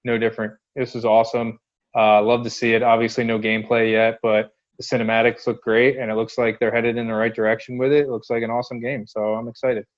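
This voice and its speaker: A man co-hosting casual gaming commentary, giving blunt, slangy opinions in halting, loosely built sentences. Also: medium pitch, little pitch movement, highs cut off. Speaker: co-host.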